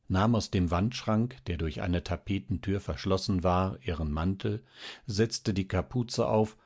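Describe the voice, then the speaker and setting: A man calmly narrating an old German novel in a measured audiobook reading. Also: low-pitched. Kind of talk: scripted narration.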